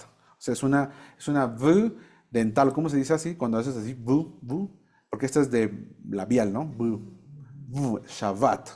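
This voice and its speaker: A man teaching a Bible class, explaining slowly and quizzing his students with the odd joke. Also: on the high side, a little mellow.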